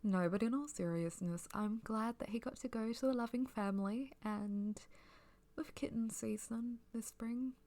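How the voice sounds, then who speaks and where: Soft, creaky, sleepy woman rambling in ASMR. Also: fairly high pitch, normal speed. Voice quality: soft, breathy, often near a whisper. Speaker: ASMR creator giving a personal ramble.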